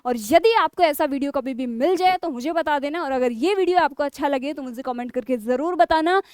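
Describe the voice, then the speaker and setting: A woman with a very high voice teaches an exam-prep grammar class. She keeps putting questions to her students and answering them herself. The sound is close and dry, with no room echo. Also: fairly quick.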